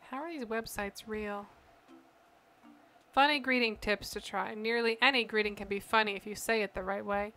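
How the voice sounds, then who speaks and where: A woman with a fairly high, bright, forceful voice streams a game and casually comments as she plays. She reads web page text aloud with incredulous, sarcastic, dry asides.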